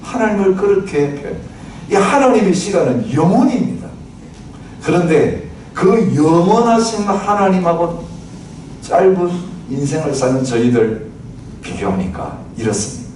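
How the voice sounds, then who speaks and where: A pastor in his sixties preaches a chatty sermon in a church hall, often questioning the congregation and reciting lyrics with laughter. His high voice is animated, unhurried and a little mellow. The distant mic catches a very echoey, noisy hall.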